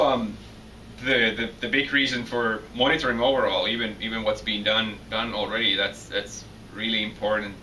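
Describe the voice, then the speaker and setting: A man's voice: lowish voice, pushed and bright. A young man from Finland with a Finnish accent, answering interview questions as a PhD student, hesitant and full of restarts. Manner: hesitant, many restarts and repeated words. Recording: distant mic with faint noise.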